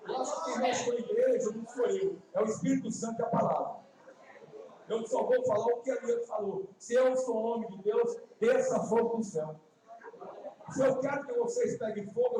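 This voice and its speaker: Guest preacher, man, 50s, Northeastern Brazilian accent, folksy and emphatic; high voice, distant mic in a very reverberant church. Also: crowd noise. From Ceará, Brazil. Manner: folksy, joking asides, then slow emphatic preaching. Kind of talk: evangelistic sermon. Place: church sanctuary. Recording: echoey distant church livestream.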